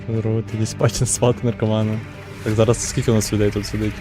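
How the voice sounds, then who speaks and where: A man's voice: fairly low pitch, level tone, quick pace, music in the background. A man with a Ukrainian accent giving offhand, mumbling live commentary over a stream. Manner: offhand, mumbling, swears casually.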